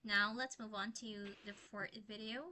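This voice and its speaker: Brisk, bright-voiced woman interviewer. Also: medium pitch, fairly even intonation. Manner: brisk, moving the talk along. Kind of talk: interview hosting.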